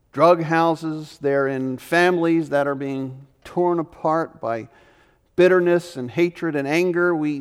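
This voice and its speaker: A man preaching a sermon as pastor, emphatic, swinging between loud urgent lines and hushed ones. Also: fairly high pitch, clear, resonant tone, in a large hall.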